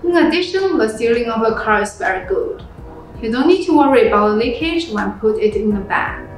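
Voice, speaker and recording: A woman's voice: on the high side, normal speed. Young woman in a very echoey room. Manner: reads a script, plain and steady, with non-native phrasing. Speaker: product presenter. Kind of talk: reading a product review script. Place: small room indoors. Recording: very echoey room with background music.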